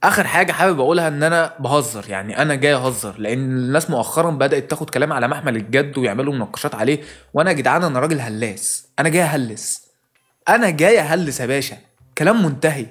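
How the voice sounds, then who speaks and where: A man's voice: medium pitch, expressive, a bit bright. A man with an Egyptian Arabic accent ranting in a comic monologue, with curses he cuts off mid-word. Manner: rapid exasperated ranting with clipped-off curses. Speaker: comedy video host.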